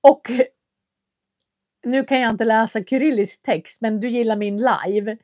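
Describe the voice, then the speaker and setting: Speaking slightly high with a darkish tone, a woman from Köping, Västmanland, Sweden, hosts a casual livestream as a language teacher, responding to viewer comments with friendly hesitations. The sound is dry and studio quality.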